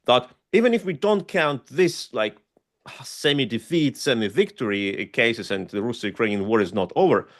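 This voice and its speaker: A man's voice: medium pitch, animated, normal speed. A man from Russia, not a native English speaker, answering interview questions earnestly and hesitantly, with many fillers as he lists historical examples. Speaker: guest scholar and activist.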